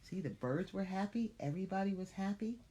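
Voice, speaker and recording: A woman's voice: medium pitch, animated, fairly quick, warm tone, slight background noise. A woman reading a children's story aloud as if to a toddler, dramatic, with questioning asides to the young listener.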